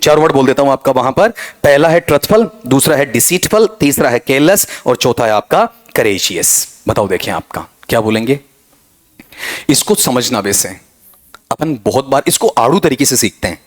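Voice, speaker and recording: A middle-aged man teaching an English vocabulary revision class, animated and fond of asking students questions and saying "theek hai". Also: mid-range voice, normal speed. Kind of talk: lively classroom revision lecture.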